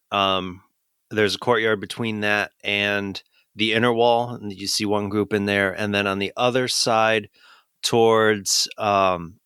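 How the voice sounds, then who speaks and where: A man narrates a tabletop game as its game master, walking the players through the scene in careful detail. His voice is smooth and resonant, sitting a little low, and his delivery is unhurried. The sound is dry and close. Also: a bit bright, no room sound. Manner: methodical scene-setting descriptions.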